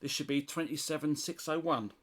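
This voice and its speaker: Against a noisy background, a middle-aged British man who presents CB radio content talks briskly in a slightly high voice. His informal demonstration is unscripted, with him reasoning aloud while testing equipment.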